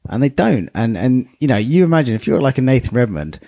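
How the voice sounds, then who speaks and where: A man's voice: medium pitch, sing-song, fast, gravelly, mellow. A man co-hosting a podcast, chatting casually about football with lots of fillers. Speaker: podcast co-host.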